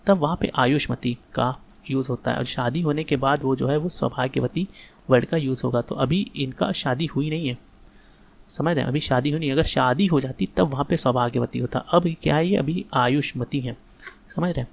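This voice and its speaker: A man's voice: mid-range voice, moderate pace, creaky. A man teaching a grammar exam-prep lesson in a casual lecture style, correcting sentences and often asking if the students follow. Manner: repeats corrections, checks understanding often.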